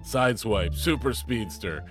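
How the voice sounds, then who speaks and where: A man's voice: lowish voice, lively intonation, unhurried, fairly bright tone, soft background music. A man voicing a cocky, chatty young male superhero speedster with a teasing, friendly manner. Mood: breezy.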